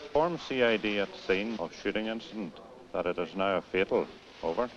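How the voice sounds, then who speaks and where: A man's voice: on the low side, crowd noise. Northern Irish man over police radio. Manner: slow, formal radio procedure with call signs. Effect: heard over a police two-way radio. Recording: lo-fi radio transmission with static hiss.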